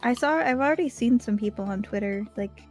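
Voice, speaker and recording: A woman's voice: fairly high pitch, fairly quick, faint music behind. A young woman chatting casually and bluntly over a livestream headset mic while drawing, swearing freely. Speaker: art streamer.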